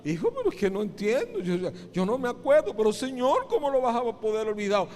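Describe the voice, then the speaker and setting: A preacher acting a weeping old sinner. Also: male voice, sits high, animated, normal speed, warm tone, in a large hall, voice pushed up. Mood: anxious pleading. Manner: pleading, tearful confessions. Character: remorseful old man begging forgiveness, weeping.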